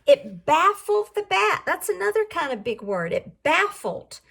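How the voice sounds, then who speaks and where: Speaking in a very high-pitched, creaky voice, a woman reads a picture book to young listeners like a teacher would. Her delivery is expressive and sing-song, with pauses for questions and word explanations.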